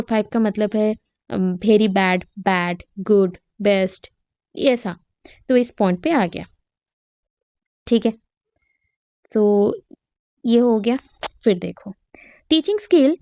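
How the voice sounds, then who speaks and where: A woman's voice: a little high, mellow, no echo, muffled recording. A woman teacher giving an online lecture, explaining terms step by step and repeating key phrases.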